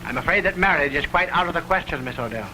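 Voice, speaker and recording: A man's voice: a little high, animated, fast, pushed and bright. An actor in an early talkie film playing a dignified, determined middle-aged banker father with formal, emphatic diction, on a crackly old soundtrack. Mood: firm.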